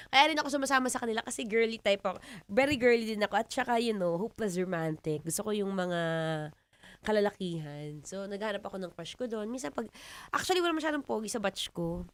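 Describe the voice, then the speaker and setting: A woman in her twenties with a Filipino accent and a deep voice, hosting a live radio show and chatting playfully with listeners. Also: fast. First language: Tagalog. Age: 20s. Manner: playful, teasing, laughs often. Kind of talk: live radio chat reading comments. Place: radio studio.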